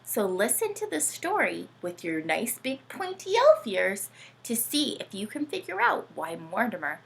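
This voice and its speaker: A woman with a mid-range voice and some vocal fry reads and chats with young children at a slightly slow pace. As a read-aloud host, she's sing-song and animated, often asking her little listeners questions.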